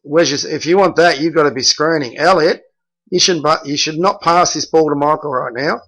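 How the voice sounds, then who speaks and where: A man's voice: on the high side, moderate pace, a bit bright, rough recording. A middle-aged man, a basketball coach reviewing game film and bluntly correcting his players by name.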